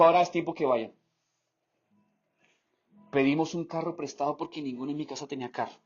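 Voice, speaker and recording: A man from Colombia with a Bogotá accent, a pastor telling a story in a sermon and acting out the voices of people in it. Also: a little high. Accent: Bogotá Colombian Spanish. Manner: animated storytelling, acts out quoted voices. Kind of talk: sermon testimony. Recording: slightly dull lo-fi sound.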